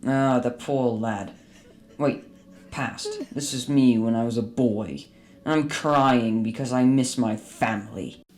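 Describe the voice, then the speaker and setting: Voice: medium pitch, takes it slowly, darkish tone, close to an everyday voice. A performer in a radio drama playing Ebenezer Scrooge, an old miser full of regret, with an emotional, pleading delivery. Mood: wistful.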